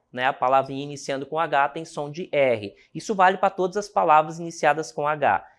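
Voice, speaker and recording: A man from Brazil teaching an English lesson, explaining step by step and checking in with the class. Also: on the high side.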